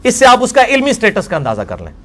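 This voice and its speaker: A man delivering a religious lecture, reading out quoted passages slowly and commenting forcefully. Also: sits high, huge pitch swings. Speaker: religious scholar.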